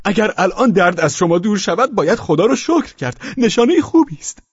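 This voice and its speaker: A man putting on a shrill, fretful fussy caretaker. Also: lively intonation, darkish tone, breathy edge, no room sound, muffled recording. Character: anxious fussy middle-aged man nursing a sick friend.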